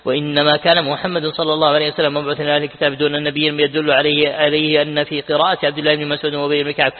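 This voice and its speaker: A man, a sheikh, reads aloud from a classical Quran commentary and explains it, restarting words as he goes. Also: on the high side. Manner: rapid, flat recitation with self-corrections. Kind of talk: fast classical Arabic text reading. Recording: tinny lo-fi audio in a reverberant hall.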